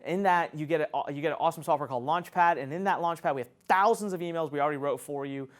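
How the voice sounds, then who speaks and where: A man teaching an online marketing lesson, enthusiastic and conversational, laughing often as he talks. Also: fast. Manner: enthusiastic, swoops up and down in pitch, frequent laughs. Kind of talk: energetic teaching talk to camera.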